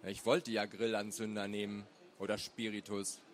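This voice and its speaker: A man voicing a grumpy husband in a wheelchair in a storybook reading, low and grumbling. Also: flat delivery, normal speed, natural voice.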